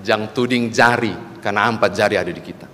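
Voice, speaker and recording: A male pastor preaches a sermon, acting out a funny dialogue with high, loud voices for the characters. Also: fast, slight background noise. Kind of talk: sermon with a comic story. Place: church. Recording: long church hall reverb, faint ambience.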